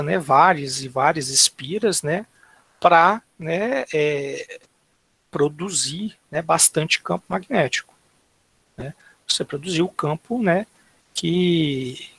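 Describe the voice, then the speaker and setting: Halting husky male lecturer. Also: fairly high pitch, fairly bright tone, no echo. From Brazil. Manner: halting, fills nearly every phrase with tags and restarts. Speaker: university lecturer. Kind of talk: online engineering lecture.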